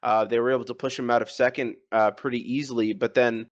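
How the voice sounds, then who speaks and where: A man giving live esports analysis in a hesitant way, often pausing and restarting his sentences. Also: mid-range voice, level tone. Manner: hesitant, lots of fillers and restarts. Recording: dull lo-fi mic.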